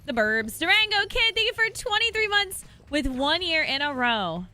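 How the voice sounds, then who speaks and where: A woman's voice: extremely high pitch, sing-song, moderate pace, pushed and bright. A woman livestreaming while gaming, chatting casually and thanking viewers in a bubbly way. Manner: bubbly, reads out chat and thanks subscribers.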